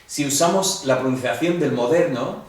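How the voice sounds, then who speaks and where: A Greek teacher with a mid-range voice and moderate pace lectures his class conversationally, talking straight to his students and acting out quoted dialogue. He stands some distance from the microphone, and his voice echoes through a very reverberant classroom.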